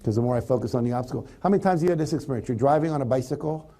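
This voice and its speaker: A man's voice: medium pitch, rapid-fire, warm tone. A man giving a conversational motivational talk to an audience, animatedly acting out example thoughts. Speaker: motivational speaker.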